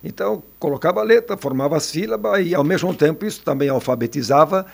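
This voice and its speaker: An older man, a former teacher telling stories in a relaxed interview and often ending phrases with a tag question. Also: a little high, quick pace, vocal fry. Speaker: retired teacher and education adviser. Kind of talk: casual interview storytelling.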